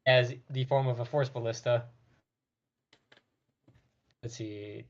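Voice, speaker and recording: A man's voice: mid-range voice, steady tone, slow. Slightly muffled man playing a tabletop game. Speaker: player in a tabletop RPG. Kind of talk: casual game-table talk.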